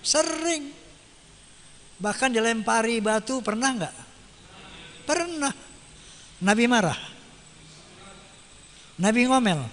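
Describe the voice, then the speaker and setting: A man's voice: extremely high pitch, lively intonation, slow, pauses often, fairly bright tone, slight background noise. A man preaching a sermon who chants Arabic verses and translates them, asking rhetorical questions and answering them himself. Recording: long hall reverb.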